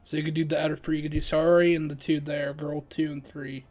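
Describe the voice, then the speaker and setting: A man's voice: on the high side, level tone, quick pace, darkish tone. A young man streaming and narrating a game, jokey and laughing often while directing his friends. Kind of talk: casual chat while voice-acting a game.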